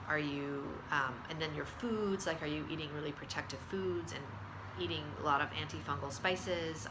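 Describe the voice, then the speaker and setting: In this health diary vlog, a woman with a deep voice chats casually, stumbling through lots of fillers and restarts. She sounds congested and nasal, and background noise can be heard.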